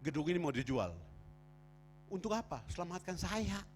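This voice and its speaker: A man preaching a sermon in church, moving from quiet storytelling to loud, shouted preaching. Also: high-pitched, expressive, normal speed, slight background noise. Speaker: pastor. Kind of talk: sermon with personal stories.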